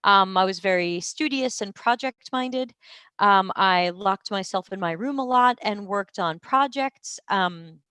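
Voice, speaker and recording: A woman's voice: mid-range voice, unhurried, bright, forceful tone, clean tone, no room sound. A woman in her forties telling her career story in a casual live-stream monologue, chatty and self-deprecating, with many ums and uhs. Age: 40s.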